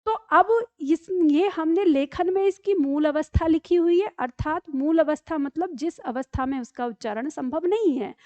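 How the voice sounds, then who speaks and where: A woman's voice: high-pitched, moderate pace, few pauses, a little mellow, dry recording, muffled recording. A woman teacher giving an online grammar lesson, explaining step by step and often checking with her students. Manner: patient, explains step by step with frequent "ठीक है?" checks. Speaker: Hindi teacher.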